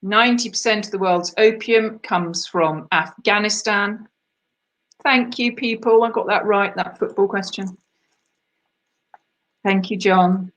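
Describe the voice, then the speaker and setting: A woman's voice: mid-range voice, fairly bright tone. A woman hosting an online quiz over a video call, reading out the answers in a chatty, self-deprecating way and laughing at herself. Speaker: quiz host.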